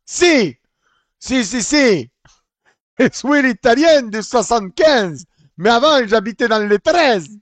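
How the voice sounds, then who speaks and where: A boastful fake Italian chef, loud and singsong, as a man mocks him. The voice sits high and swoops all over, recorded close and dry. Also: lively intonation, slow, dry recording, exaggerated voice. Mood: mocking.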